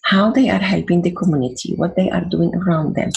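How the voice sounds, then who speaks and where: Gravelly older Venezuelan-accented woman. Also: fairly low pitch, steady tone, fairly quick, darkish tone, a little hiss or hum. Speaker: guest counselor. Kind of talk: interview conversation.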